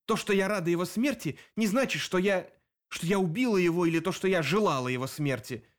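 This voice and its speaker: A man reading an audiobook, voicing a young woman who grieves her murdered friend and wants revenge, with an emotional, sharp voice. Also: high-pitched, fairly quick, voice pushed up, natural voice. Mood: protesting.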